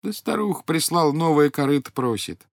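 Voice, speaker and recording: A man's voice: fairly high pitch, animated, moderate pace, no echo, clean studio sound, voice pushed up. A man doing a meek, weary old fisherman. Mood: complaining. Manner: pleading, complaining.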